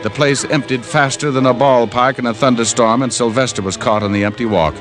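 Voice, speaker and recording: Here a male actor with a mid-range voice and an American accent voices a wry, tough private detective narrating a 1940s-50s radio crime story. He talks fairly quickly with fairly even intonation, his clipped, needling hard-boiled lines only lightly acted, and the mood feels tense and brisk. Music sits behind this old radio recording.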